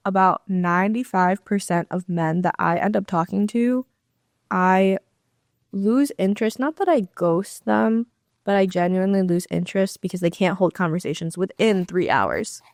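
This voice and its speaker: A woman's voice: mid-range voice, a little mellow, no room sound, studio quality. Chatty young woman co-hosting a podcast. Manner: chatty, retells conversations with quick asides. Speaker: podcast co-host. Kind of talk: casual chat.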